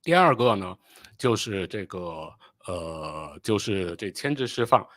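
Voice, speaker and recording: A man hosting a live stream, explaining rocket launches and pausing often with fillers. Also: low-pitched, sing-song, a bit bright, no room sound, clean studio sound. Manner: explanatory, with frequent filler pauses; apologetic and hurried while fixing playback. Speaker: channel host.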